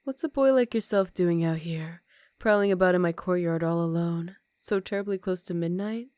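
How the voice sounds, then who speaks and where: A woman playing an ancient, aristocratic vampire countess in an intimate ASMR roleplay, speaking softly and formally with a teasing, condescending manner and some whispered phrases. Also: fairly low pitch, moderate pace, dry recording, close to an everyday voice. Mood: coyly reassuring.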